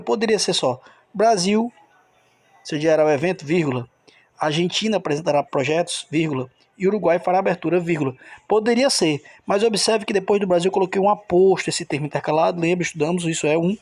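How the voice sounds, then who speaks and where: A man with a high voice teaches a grammar lesson on a close mic, recorded dry with no room echo. He breaks every rule into small steps and keeps checking in with the listener. His voice has a gravelly edge. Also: a little mellow. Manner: explains step by step, often checks in with the listener.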